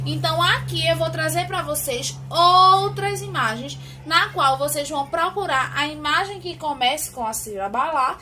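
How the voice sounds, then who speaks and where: A woman teacher explaining a classroom word activity step by step, slowly and patiently. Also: sits high, sharp tone.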